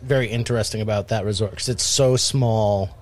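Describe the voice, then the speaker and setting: A man's voice: lowish voice, fairly even intonation, fairly quick, darkish tone. Rambling man from Rhode Island. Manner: rambling, many fillers and restarts. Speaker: podcast co-host. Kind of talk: casual chat.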